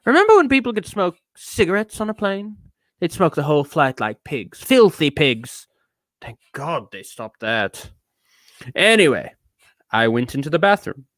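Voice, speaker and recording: In a theatrical dramatic reading, a man voices an edgy, bitter, neurotic ranter telling a rambling travelogue, using a put-on accent that keeps shifting. The mood is cranky storytelling. His voice is on the high side and a bit bright, with big pitch swings at normal speed, in a dry, studio-quality recording.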